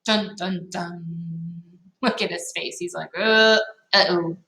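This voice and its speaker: Here a woman reads a picture book to listeners in a dramatic, playful style, breaking off for chatty asides. Her voice is lowish, creaky and a bit bright, with fairly even intonation and an unhurried pace. The room echoes noticeably around her.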